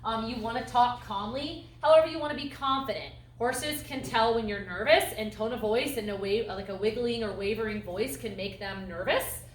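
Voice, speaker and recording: A woman instructor giving a calm, explanatory lecture on horses, acting out voice tones as she goes. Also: fairly high pitch, moderate pace, few pauses, a little hiss or hum. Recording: echoey room, mic at a distance.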